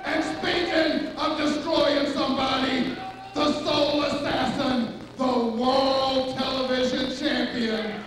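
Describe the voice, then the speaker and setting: A man's voice: extremely high pitch, fairly even intonation, slow, over music. A man cutting a menacing wrestling promo as a manager in the ring, declaiming grandly and drawing out his words. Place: indoor wrestling arena ring. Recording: echoey arena, distant mic, noisy.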